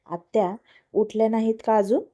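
Teasing sister-in-law, affectionate, chatty, done by a woman, mellow voice. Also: on the high side, fairly even intonation, moderate pace, lightly acted. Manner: warm, teasing.

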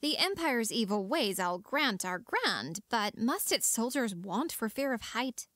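A woman playing a proud, sharp-tongued young princess, declaiming in Shakespearean verse. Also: a little high, big pitch swings, a little slow, no echo. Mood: mocking. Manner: scornful, declamatory. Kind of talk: amateur dramatic reading in Shakespearean verse.

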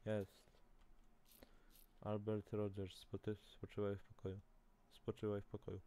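A man's voice: on the low side, monotone, a little slow, dark tone, clean tone. A man hosting a gaming channel, giving casual let's-play commentary, chatty and talking straight to his viewers with frequent self-corrections.

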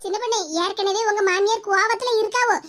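A woman's voice: very high voice, steady tone, fast talker, fairly bright tone. A woman voicing a friendly, gossipy village neighbour in a cartoon, with a Tirunelveli Tamil accent. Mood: concerned. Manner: gossipy, teasing. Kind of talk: cartoon voice acting. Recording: noisy cartoon audio.

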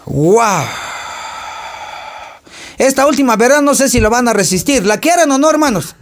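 A man's voice: extremely high pitch, lively intonation, normal speed. A male pastor preaching a sermon and firing questions at his congregation to get answers back.

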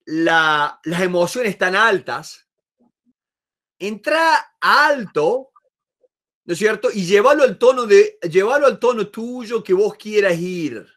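A man's voice: sits high, a bit bright. A man with an Argentine accent teaching a negotiation class, emphatic and repetitive, acting out short examples. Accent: Rioplatense Spanish. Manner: emphatic, repeats key words, acts out examples. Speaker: negotiation trainer. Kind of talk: lively online masterclass.

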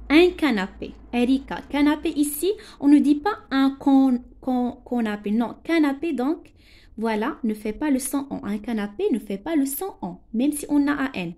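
A woman teacher with a Moroccan accent walks young pupils through a lesson at an unhurried pace. Her voice sits high but has a mellow, soft tone. She is patient and spells things out letter by letter. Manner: slow, patient, spells out letters and translates words. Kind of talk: classroom lesson explanation.

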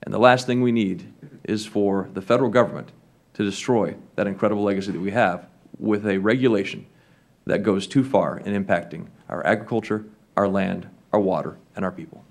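A man with a fairly low voice introduces a witness at a congressional hearing. He speaks haltingly, stopping and restarting often as he reaches for the right words. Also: creaky. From Colorado, United States. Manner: halting, with frequent fillers and restarts.

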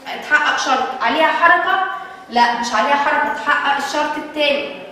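A woman with an Egyptian Arabic accent teaching young children phonics, sounding out syllables slowly and asking questions she answers herself. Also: high voice, a bit bright, very echoey, big-room sound, recorded from a distance, slight background noise, poor audio. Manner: asks the class questions and answers them herself. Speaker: early-years teacher.

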